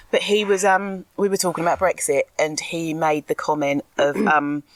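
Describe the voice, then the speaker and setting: A woman's voice: low voice, fairly even intonation, unhurried, no room sound. A woman co-hosting a podcast in casual chat, candid and a little ranty, laughing often. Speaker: podcast co-host. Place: outdoors in a garden.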